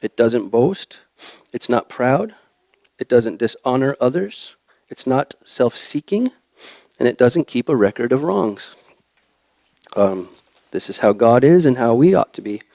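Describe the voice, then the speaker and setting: A young adult man preaching a church sermon in a halting way, with many fillers and restarts. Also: mid-range voice, animated, gravelly, mellow, dry recording.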